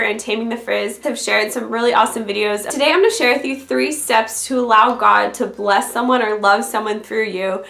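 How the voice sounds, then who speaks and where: A woman with a voice raspy from being sick, talking directly and conversationally as a video blogger giving encouraging faith advice. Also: fairly high pitch, a bit bright. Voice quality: raspy from illness. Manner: direct, conversational address to the listener. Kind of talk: scripted-feeling encouraging faith vlog talk to camera. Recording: roomy, echoey sound.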